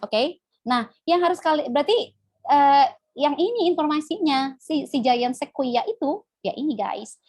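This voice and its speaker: A young woman teaches English in a casual live online lesson. Her voice sits slightly high. She chats with her viewers as she goes and corrects herself on the fly. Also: animated, a little slow, a little mellow. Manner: chatty, addresses viewers as guys, self-correcting.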